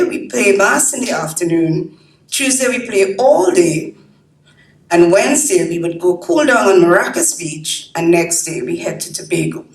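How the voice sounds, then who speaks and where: A woman reading her own story aloud in a university library, slow and measured, heard from a distance in a roomy hall. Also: lowish voice. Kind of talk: literary reading.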